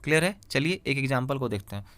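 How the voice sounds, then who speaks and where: A man's voice: mid-range voice, expressive, fast, a bit bright. A male grammar teacher giving a classroom-style lecture over slides, asking himself questions and answering them, repeating key terms and checking that students follow. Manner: checks understanding with frequent "clear?" prompts.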